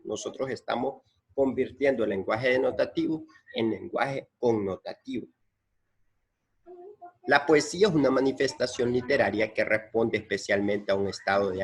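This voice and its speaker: A man's voice: mid-range voice, normal speed, husky. A man teaching a lesson, patiently explaining and repeating points and counting syllables aloud. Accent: Central American Spanish.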